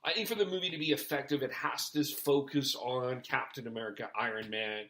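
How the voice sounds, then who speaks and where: A man's voice: medium pitch, steady tone, a little fast, a bit bright. A man hosting a casual podcast chat, rambling and thinking aloud in restarts. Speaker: podcast host.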